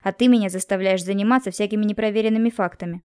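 A woman's voice: mid-range voice, fairly even intonation, racing, darkish tone, clean tone, lightly acted. A woman reading the part of a male police lieutenant colonel who grumbles and then makes peace. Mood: grumbling.

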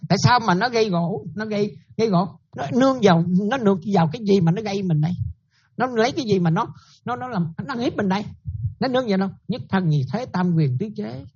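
A woman's voice: medium pitch, lively intonation, fast talker, a little mellow, breathy edge, muffled recording. A Buddhist nun giving a dharma talk, often checking that her listeners follow and repeating her points.

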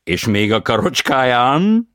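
A man voicing an expatriate male opera tenor who speaks in halting, broken grammar, slowly and emphatically, in an audiobook reading. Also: medium pitch, sing-song, a bit bright, no echo, studio quality, voice pushed up. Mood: earnest, eager.

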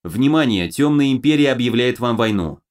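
A man's voice: medium pitch, lively intonation, moderate pace, close to an everyday voice. A man voicing an impersonal game system that announces declarations of war formally.

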